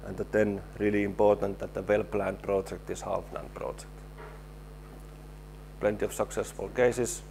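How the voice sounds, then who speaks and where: Gravelly man presenting. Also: on the low side, flat delivery, a little mellow, a little hiss or hum. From Finland. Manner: halting, repeats words while explaining slides. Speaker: presenter, stabilization engineer. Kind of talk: conference presentation.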